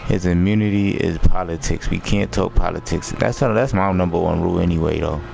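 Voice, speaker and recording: A man's voice: sits low, fairly quick, creaky, darkish tone, faint music behind. An American man giving casual, slangy live commentary on a game as he streams it. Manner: slangy, informal.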